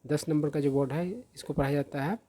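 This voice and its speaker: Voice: mid-range voice, steady tone, brisk, mellow. A teacher giving a patient vocabulary lesson, explaining each word's meaning and often checking in with the class. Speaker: English teacher.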